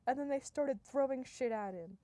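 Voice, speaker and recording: Woman telling a silly rambling story, deadpan, mellow voice, super dry close recording. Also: high voice, moderate pace, dry recording. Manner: deadpan, run-on "and then" narration, dropping to hushed tones. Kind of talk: rambling improvised comic storytelling.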